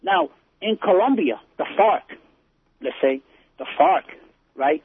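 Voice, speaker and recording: A man's voice: sits high, wildly swooping pitch, slow, gravelly, husky. Rambling male caller on a tinny phone line. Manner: rambling, hesitant, argumentative. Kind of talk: call-in radio talk.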